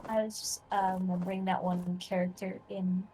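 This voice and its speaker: A woman's voice: fairly low pitch, little pitch movement, normal speed, dark tone, a little hiss or hum, rough recording. Chatty, giggly young woman guest. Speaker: guest friend. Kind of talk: casual gaming stream chat.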